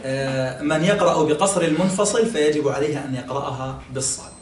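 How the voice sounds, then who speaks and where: A man teaching a classroom religious lesson, explaining patiently, quizzing listeners and pausing on fillers. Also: a little high, a little hiss or hum. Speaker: sheikh teaching Quran exegesis. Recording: echoey room, mic at a distance, faint ambience.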